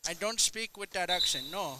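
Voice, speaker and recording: A man with a fairly high voice calls a high school basketball game play by play, moving between brisk action calls and dry, joking asides. The broadcast picks up plenty of gym noise and bouncing balls behind him. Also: pushed and bright. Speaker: play-by-play announcer. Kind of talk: play-by-play commentary. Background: gym crowd and bouncing balls.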